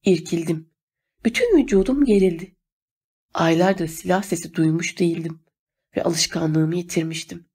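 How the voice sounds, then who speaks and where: A woman reading a novel aloud as an audiobook narrator, steady and measured. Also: lowish voice, breathy edge. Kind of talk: scripted narration.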